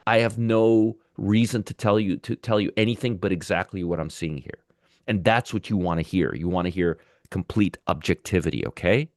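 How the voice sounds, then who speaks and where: A deep-voiced man at a moderate pace comes through in studio quality with no echo. Sore-throated and unwell, he hosts a live pre-market trading show, explaining conversationally and circling back to repeat his points.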